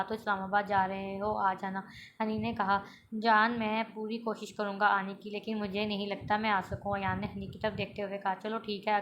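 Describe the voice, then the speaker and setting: A woman's voice: medium pitch, a bit bright, highs cut off, slight background noise. A woman reading a romantic novel aloud, voicing all the characters in her own voice with small stumbles and restarts. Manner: reads every character in a mostly plain voice, with small stumbles and restarts. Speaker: novel reader.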